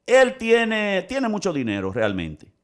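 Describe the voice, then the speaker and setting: A man's voice: high-pitched, wildly swooping pitch, takes it slowly. A man hosting a radio talk show, reading listener letters aloud with playful, exclamatory banter.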